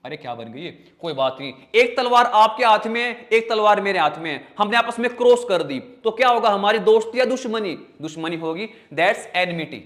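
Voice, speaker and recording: A man teaching English vocabulary in an exam-prep lesson, joking with students and slowly sounding out spellings syllable by syllable. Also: high-pitched, lively intonation, a bit bright. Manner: playful, jokey, drags out spellings slowly syllable by syllable; calls students "bhai" and "beta".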